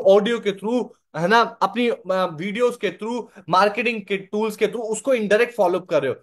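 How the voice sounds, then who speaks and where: A young man giving a live online sales training, repeating his points and checking that listeners follow. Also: high-pitched.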